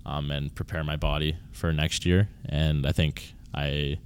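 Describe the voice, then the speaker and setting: A young man around twenty with a very low voice answers interview questions in a relaxed, halting way. He restarts his sentences and lets them trail off. Faint background noise sits under the recording. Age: 20s. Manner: halting, restarts often, soft-spoken trailing off. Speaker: university volleyball player, guest.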